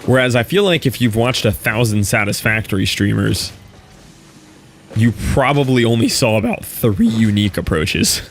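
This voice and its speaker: A man's voice: on the low side, big pitch swings, normal speed, a little hiss or hum. A young man streaming a game, talking casually in a rambling, laid-back way with lots of fillers. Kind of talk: casual live-stream commentary while playing.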